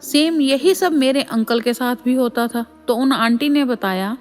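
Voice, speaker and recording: A woman's voice: high-pitched, unhurried. A woman reading a devotee's first-person story as a voice-over, often addressing listeners as sangat ji. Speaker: voice-over reader of devotee satsang stories.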